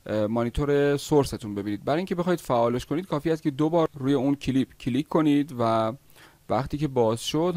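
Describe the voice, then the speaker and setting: A man teaching video editing software step by step in a screen-recorded tutorial, pausing often with "uh" as he explains. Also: mid-range voice, dry recording. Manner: step-by-step explaining, with frequent "uh" pauses.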